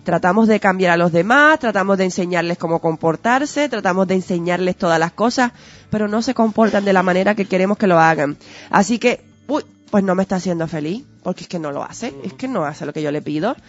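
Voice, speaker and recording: Speaking fairly quickly in a lowish voice, a woman works through ideas as a guest, earnest and teacherly, asking plenty of rhetorical questions in a conversational explanation. The recording sounds dull and lo-fi, with faint music in the background.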